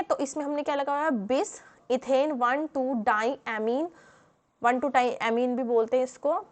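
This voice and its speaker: Brief: female chemistry teacher, high voice, patient step-by-step lecture full of "ठीक है" checks. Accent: Hindi-English mix. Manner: explains step by step with many fillers and rhetorical questions. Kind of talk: classroom lecture.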